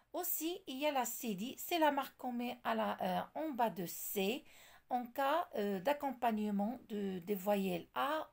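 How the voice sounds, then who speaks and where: A woman teaching a French lesson, explaining slowly and deliberately and spelling out word examples one by one. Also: on the high side, gravelly, a little mellow.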